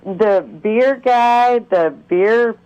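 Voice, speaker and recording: A woman's voice: a little high, drawn-out words, a little mellow, clear, resonant tone. A woman of fifty-nine calling in to a radio show, earnestly and insistently telling her personal story. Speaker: caller to a call-in show. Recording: dull, muffled phone call audio.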